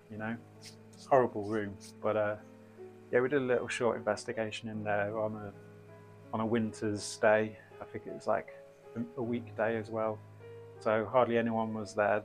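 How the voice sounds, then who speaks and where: A man in his thirties chats loosely to camera as a ghost-hunting host, filling pauses with ums and uhs. His voice sits low and stays fairly level in pitch. He is recorded indoors in a small room, a desk-distance camera picking him up. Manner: relaxed, rambling, frequent ums and uhs. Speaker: paranormal investigator host. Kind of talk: casual address to camera.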